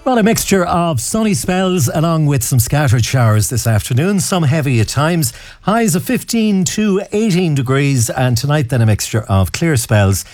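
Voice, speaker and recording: A man's voice: fairly high pitch, very animated, normal speed, a little mellow, dry recording, faint music behind. An Irish man reading a weather forecast on the radio.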